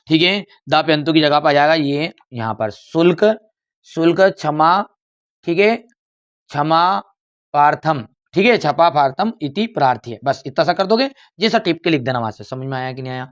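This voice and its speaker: A man's voice: on the high side, animated, moderate pace, a bit bright. A man teaching an exam-prep lesson, coaxing his students, repeating phrases and calling them "beta". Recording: dull lo-fi recording.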